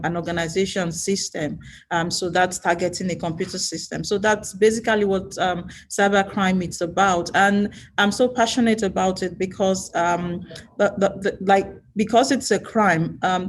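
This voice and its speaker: A woman from Nigeria speaking as a panelist on a video call, hesitant and full of ums. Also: medium pitch. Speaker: panelist, bank security chief. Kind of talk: panel conversation.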